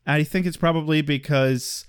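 A man co-hosts a podcast in loose, casual chat. He laughs often and drops in jokey asides. His voice sits a bit high for a man. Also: steady tone, normal speed, clean tone. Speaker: podcast co-host.

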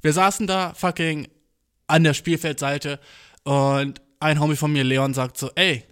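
A young man telling a comedic story in casual speech, slangy and animated, full of swearing and English slang. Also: a little slow, clean tone. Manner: slangy, animated, acts out quotes with big pitch jumps.

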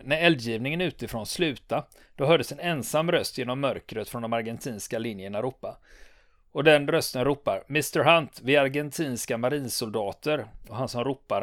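Man, podcast host, history storyteller, middle pitch, dry close recording. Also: no room sound. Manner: calm storytelling, rising to excited when narrating combat.

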